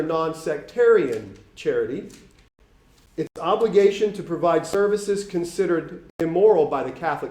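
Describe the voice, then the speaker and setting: A man with a Boston accent giving a formal, prepared statement at a public forum, reading out numbered points deliberately. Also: fairly high pitch, a little mellow. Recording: echoey room.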